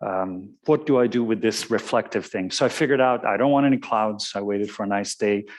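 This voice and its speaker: A man's voice: lowish voice, brisk. A man from Serbia with a Serbian accent, giving a musing, discursive lecture as a guest photographer and correcting himself as he goes. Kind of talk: lecture talk with slides. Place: lecture room.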